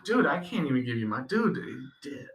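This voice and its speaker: A man's voice: mid-range voice, very animated, brisk, slight background noise. A man bantering casually and bluntly as a podcast co-host. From New York. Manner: blunt, sweary, incredulous. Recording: roomy echo, distant mic.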